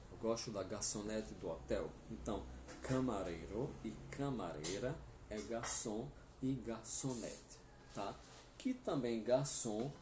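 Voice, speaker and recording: A man from Brazil with a Brazilian Portuguese accent, teaching a live online Spanish class and patiently explaining each word with frequent checks like "tá?" and "né?". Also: lowish voice. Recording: echoey room with faint ambient noise.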